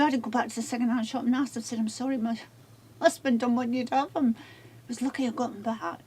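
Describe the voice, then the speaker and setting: A woman's voice: fairly high pitch, a little mellow, breathy edge. A woman in her seventies chatting casually at home on camera, rambling, gossipy and self-deprecating. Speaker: interviewee.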